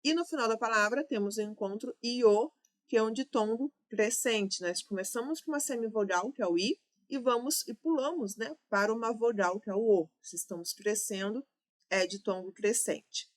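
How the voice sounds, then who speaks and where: A woman with a Brazilian Portuguese accent and a slightly high voice teaches a grammar lesson for exam prep at a normal pace. She walks through each step and corrects herself along the way.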